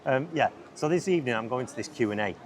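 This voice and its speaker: A man's voice: medium pitch, animated, quick pace, a crowd in the background. A man hosting a podcast in a casual, rambling, easily distracted way, recorded outdoors on a lapel mic. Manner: easily distracted, chatty, self-interrupting. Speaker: podcast host and filmmaker. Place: outdoors on a busy city riverside. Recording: outdoor lapel mic with loud surrounding noise. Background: loud outdoor ambience.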